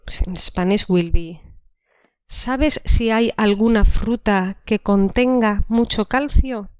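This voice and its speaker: A woman teaching a language lesson, explaining slowly and repeating each example sentence twice. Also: mid-range voice, darkish tone, clear, resonant tone, no echo. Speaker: Spanish teacher. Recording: dull dry lo-fi recording.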